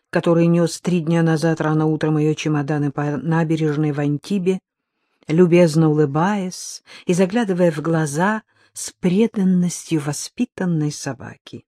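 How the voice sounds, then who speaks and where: Measured dramatic audiobook reader. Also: medium pitch, warm tone, no room sound, studio quality. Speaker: narrator. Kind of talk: audiobook narration.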